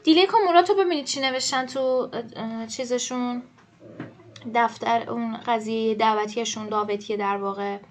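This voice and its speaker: A woman teaching an online language lesson. She explains quickly and reads the example sentences slowly and clearly. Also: on the high side.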